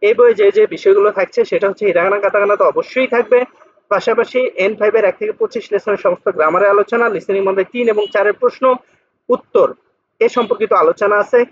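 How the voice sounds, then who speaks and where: A man teaching Japanese vocabulary, patiently repeating each word slowly to drill its pronunciation. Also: high-pitched. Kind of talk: vocabulary lesson explanation. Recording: dull lo-fi sound.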